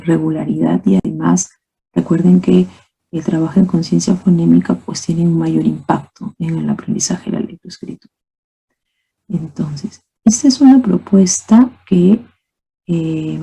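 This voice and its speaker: A woman lectures teachers in a calm, explanatory way, often closing her points with "¿ok?". Her voice is very dark and mellow, with a gravelly, somewhat husky edge. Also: lowish voice, rough recording. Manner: explanatory, asks rhetorical questions, says "¿ok?" and "¿no?" often. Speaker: teacher trainer. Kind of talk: methodology lecture.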